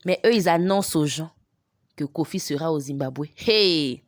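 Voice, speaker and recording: A woman's voice: sits low, moderate pace, no room sound, clean studio sound. Chatty woman reading fan comments. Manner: chatty, many fillers and restarts; translates comments aloud. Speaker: host of a celebrity news channel.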